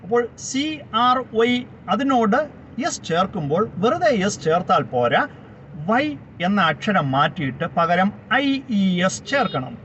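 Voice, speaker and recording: A man's voice: high voice, very animated, a little slow, fairly bright tone. A man teaching English grammar, spelling out words letter by letter. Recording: dull lo-fi sound with faint background noise.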